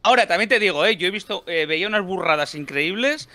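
Jokey man, bright voice. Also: sits high, lively intonation, fast, no room sound. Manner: jokey anecdotes, playful teasing. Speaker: podcast co-host. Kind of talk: casual chat about films.

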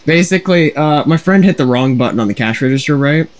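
A man's voice: fairly high pitch, lively intonation, fast talker. A young man in casual voice chat, telling rambling, laid-back anecdotes.

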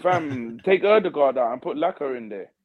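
A slightly muffled, lo-fi recording of a London man with a mid-pitched voice. He talks football as a fan in loose, laddish slang, arguing his case among mates. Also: expressive, moderate pace. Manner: slangy, laddish, protesting, calling people fam and bruv. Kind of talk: casual football banter.

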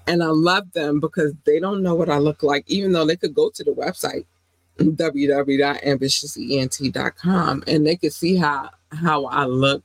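On her solo podcast, a host rambles through a relaxed chat full of shout-outs, laughing a lot and lovingly calling her listeners "baby." Her voice springs up into excited high squeals, and the recording is dry and close-miked with no echo.

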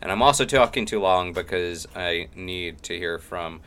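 A middle-aged man hosts a casual podcast in a fairly low voice. He rambles through his thoughts, often doubling back, and talks about himself in a self-deprecating way. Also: moderate pace, a bit bright, smooth. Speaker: podcast host. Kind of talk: casual chat.

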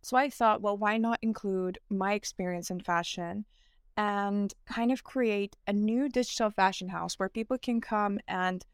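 A young American woman, a fashion founder, gives casual interview answers in an earnest, easygoing way, pausing with fillers and restarting sentences. Her smooth, resonant, middle-pitched voice keeps a steady tone, recorded dry and close with no room sound.

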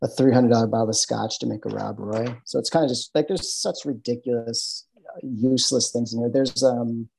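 A man's voice: medium pitch, steady tone, a little fast, creaky, darkish tone, a little hiss or hum, rough recording. A man with a Midwestern American accent, a podcast guest talking in a loose, rambling way with lots of fillers and restarts. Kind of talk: casual interview chat.

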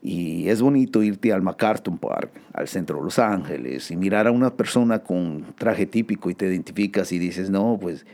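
A man's voice: low-pitched, expressive, normal speed, few pauses, a little mellow. A man hosting a joking casual monologue, laughing often and dropping slang and English words. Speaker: host.

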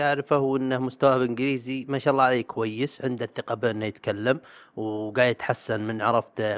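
Fast-talking man ranting. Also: mid-range voice. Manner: animated and sarcastic, acts out other people's voices; frequent fillers and restarts. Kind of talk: casual monologue.

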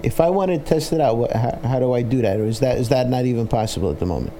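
A man with a Brooklyn accent hosting a casual interview, enthusiastic but halting, often repeating his words. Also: medium pitch, warm tone, slight background noise. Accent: Brooklyn, New York. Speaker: interviewer, host.

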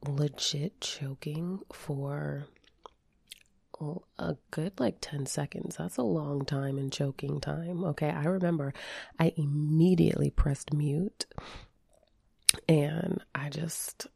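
Breathy whispering woman, close and dry. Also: deep voice, fairly even intonation, slow, dark tone, no echo. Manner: rambling, chatty, casual with mild swearing. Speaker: ASMR channel host. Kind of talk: whispered and soft-spoken ASMR ramble.

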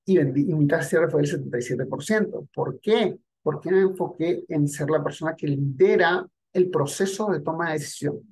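A sales coach, a man with a fairly high, darkish and husky voice, teaches sales techniques at a moderate pace with few pauses. His instructional monologue is direct and conversational, aimed straight at the listener.

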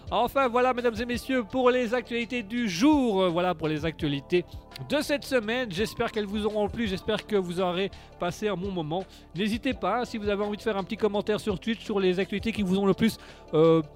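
A man hosting live radio, chatting through the news in a rambling, sarcastic way, full of fillers and restarts. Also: high-pitched. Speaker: radio host.

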